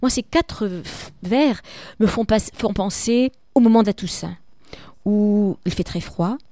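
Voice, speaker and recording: A woman's voice: medium pitch, a little slow, mellow, no room sound. A woman teaching a poetry analysis lesson, talking in a reflective way, restarting phrases and often adding a tag question. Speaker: literature teacher.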